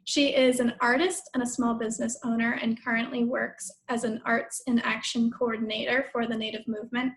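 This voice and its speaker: A woman hosting a video-call webinar, her voice fairly high and gravelly. She reads an artist's introduction in a flat, even tone. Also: a little hiss or hum, low-quality recording. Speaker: webinar host. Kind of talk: introducing a speaker.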